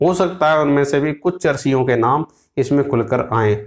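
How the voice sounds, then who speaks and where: A man's voice: mid-range voice, moderate pace. A man in his thirties from India, delivering opinionated news commentary to camera in a small indoor room, moralizing and fiery, mixing English phrases in with frequent fillers.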